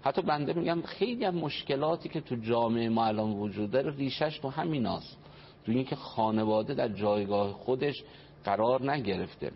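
Man, earnest radio speaker on family and faith, explanatory, dull broadcast sound with faint hiss. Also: medium pitch. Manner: earnest, explanatory, quotes traditions. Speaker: family counselor. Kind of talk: religious family talk on radio.

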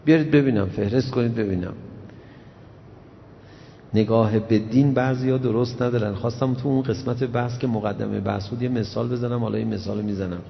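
A man giving an emphatic religious lecture, swinging from slow, low asides to loud scolding. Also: steady tone, vocal fry, slight background noise. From Iran, grew up in Tehran. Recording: dull recording in reverberant hall.

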